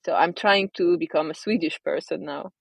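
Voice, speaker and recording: A woman with a Polish accent, a designer and coach speaking casually as an interview guest, thoughtful and pausing to search for words. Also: deep voice, creaky, husky, dry recording, low-quality recording. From Poland.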